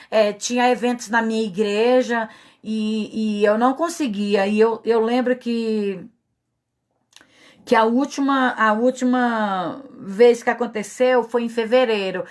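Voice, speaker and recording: A middle-aged woman with a Brazilian Portuguese accent speaks as a pastor sharing her testimony. Her voice sits a little high, and she talks in an earnest, openly emotional, confessional way. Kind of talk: personal testimony talk.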